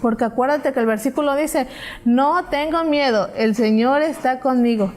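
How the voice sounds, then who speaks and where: Woman, mother's testimony, retold dialogue, hesitant fillers, higher voice, faint music behind. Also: moderate pace, a little mellow. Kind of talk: personal testimony.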